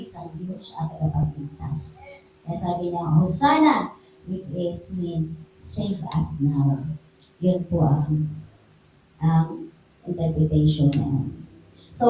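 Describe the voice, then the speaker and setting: A slow, unhurried Filipino woman pastor preaches with a fairly high voice, often stopping to ask her listeners if they follow. She sounds set back from the mic in a strongly echoing room with faint noise. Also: far from the mic. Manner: explains in Tagalog mixed with English, often asking "No?". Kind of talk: Taglish sermon.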